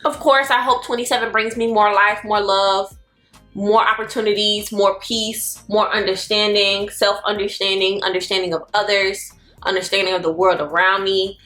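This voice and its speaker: A vlogger from Florida in her twenties chats casually with viewers while getting ready, playful, drawling slang and dropping into song at times. Her mid-range voice is sharp, with fairly even intonation at normal speed, in an echoey room with faint music.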